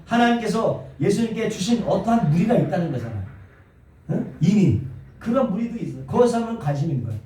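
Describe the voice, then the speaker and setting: A male pastor preaching a sermon in a church, animated and full of rhetorical questions to the congregation. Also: sits high, fast talker. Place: church sanctuary. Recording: very echoey church hall, distant mic.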